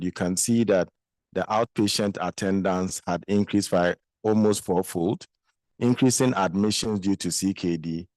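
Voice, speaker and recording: A Ghanaian man with a deep voice made groggy by flu presents formally at a medical conference. He speaks in a measured, hesitant way as a specialist. The sound is dry, with little room echo. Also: darkish tone. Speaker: guest speaker, specialist physician and nephrologist.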